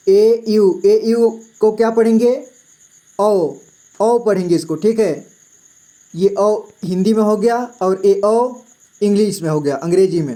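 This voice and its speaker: Slow, patient male teacher. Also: high voice, mellow. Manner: patient, repeats "theek hai" often. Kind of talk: slow classroom explanation.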